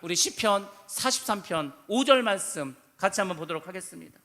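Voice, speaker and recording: A man's voice: sits high, animated, a little fast, sharp tone. A man preaching a sermon as pastor of a church, earnest and pleading as he urges his listeners on. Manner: earnest, pleading, rising to fervent exhortation. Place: church sanctuary. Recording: long church hall reverb.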